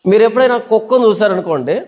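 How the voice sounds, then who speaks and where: A man's voice: sits high, animated, fast talker, darkish tone. A male pastor preaching a sermon, emphatic, firing rhetorical questions at the congregation. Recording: long hall reverb.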